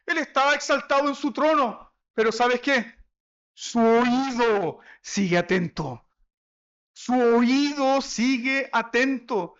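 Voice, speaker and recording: A man's voice: very high-pitched, bright, forceful tone, highs cut off. A Chilean man preaching a sermon as pastor, pressing the congregation with repeated rhetorical questions.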